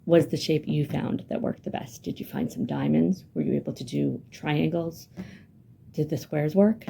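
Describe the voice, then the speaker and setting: A woman children's librarian with a deep, gravelly, husky voice and dark tone leads a hands-on building lesson for kids. She keeps asking the young viewers encouraging questions.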